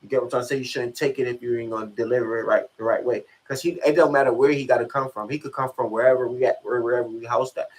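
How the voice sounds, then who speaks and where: A man's voice: medium pitch, steady tone, very fast, few pauses, rough recording. A young man spins a casual story in loose street slang, cursing freely. He keeps checking in with his listener to make sure they follow. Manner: slangy, profane, keeps asking if you follow. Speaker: rapper and channel host.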